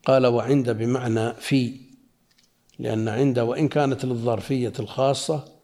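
Male religious teacher, warm low-key voice, measured reading with everyday explanations. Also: steady tone. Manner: slow, deliberate reading with spoken asides. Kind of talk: reading and explaining a classical text.

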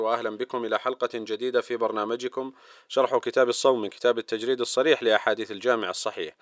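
A man's voice: mid-range voice, a bit bright, no echo, studio quality. A man hosting a religious programme, presenting in formal Standard Arabic. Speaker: programme host.

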